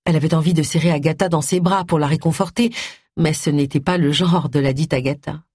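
A woman narrating an audiobook in a calm, measured reading voice. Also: low-pitched, slightly rough, dry recording, clean studio sound. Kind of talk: scripted narration.

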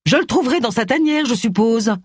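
A woman's voice: a little high, lively intonation, fairly quick, breathy edge, no echo, clean studio sound, pitched above the performer's own voice. A woman reading a determined sleuth.

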